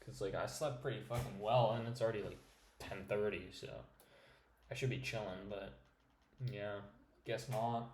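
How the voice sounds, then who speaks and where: A man's voice: fairly low pitch, fairly even intonation, normal speed, pauses often, a little mellow. A man hosting a casual trading recap, rambling with lots of fillers and "right?", sounding tired. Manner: rambling, filler-heavy, says "right?" often. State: tired, yawning. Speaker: trading channel host. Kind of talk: casual screen-share market recap. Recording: echoey room with faint noise.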